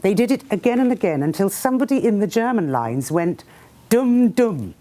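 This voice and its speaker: Woman author, mid pitch, very animated reading with acted-out sounds for an audience. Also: fast. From Britain. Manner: lively storyteller who acts out sounds and voices. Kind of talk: reading aloud then talking to an audience. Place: talk before a live audience.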